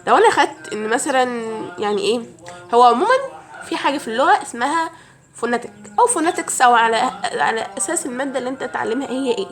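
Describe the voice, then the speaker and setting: A woman's voice: high-pitched, lively intonation, very fast, faint music behind. A young woman with an Egyptian Arabic accent, giving chatty language-learning advice straight to her viewers as if to a friend. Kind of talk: casual advice vlog.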